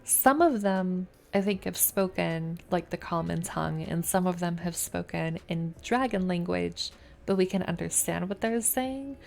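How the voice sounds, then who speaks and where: A woman's voice: lowish voice, measured pace, vocal fry. A woman with an American accent giving casual live commentary as she streams a game. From United States. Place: indoors at a PC, game music behind.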